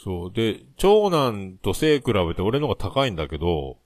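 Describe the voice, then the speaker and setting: A man's voice: fairly low pitch, normal speed. A man with a Hakata dialect hosting a casual drinking chat, telling stories and mimicking other people. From Kyushu. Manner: lively storyteller, mimics others. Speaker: podcast host.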